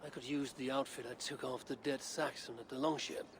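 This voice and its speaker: An actor voices a bold, self-assured Viking warrior in dramatic video game dialogue, delivering terse, formal, archaic lines with confidence. His medium-pitched voice is steady and close to everyday speech, a little fast, with background noise present.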